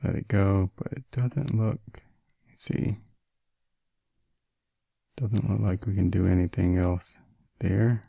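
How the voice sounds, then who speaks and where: Deep-voiced man lisping slightly with braces. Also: takes it slowly, vocal fry, long pauses, dark tone, breathy edge, no echo, lo-fi sound. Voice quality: slight lisp and slurred speech from wearing braces. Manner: talks through steps as they are done. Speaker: tech reviewer and host. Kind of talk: casual gadget demonstration.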